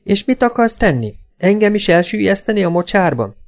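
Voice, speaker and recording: A man voicing a frail but domineering old mother in an audiobook, indignant and shrill. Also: big pitch swings. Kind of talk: audiobook character voice.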